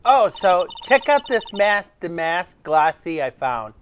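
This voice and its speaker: A man voicing a chatty, excitable young woman in a game played on stream. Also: high-pitched, slow, slight background noise, full character voice. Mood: excited.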